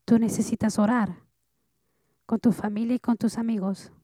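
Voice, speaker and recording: A woman preaching a sermon, her voice a little high and mellow. She moves between hushed, intimate lines and loud, urgent ones. The sound is close and dry, with no room around her. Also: fairly even intonation, normal speed, dry recording. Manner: earnest preaching, swinging between soft and loud. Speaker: pastor.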